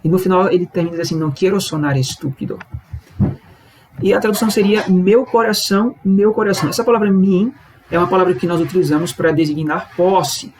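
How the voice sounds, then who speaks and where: A man's voice: high-pitched, slight background noise, low-quality recording. A man teaching a language lesson, patiently explaining step by step and often checking in with his listeners.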